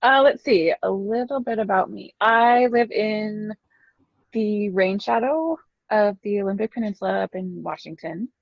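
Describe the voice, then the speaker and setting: A woman's voice: medium pitch, unhurried, creaky, no room sound. A woman author being interviewed, chatty and laughing easily, hesitant with ums. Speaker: author guest. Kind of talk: casual interview chat. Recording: slightly muffled dry sound.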